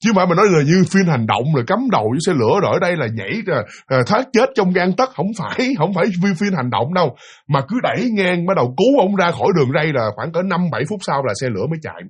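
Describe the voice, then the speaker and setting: A man narrating a ghost story in an animated, dramatic way, speaking directly to his listeners. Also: a little high, quick pace, slightly rough.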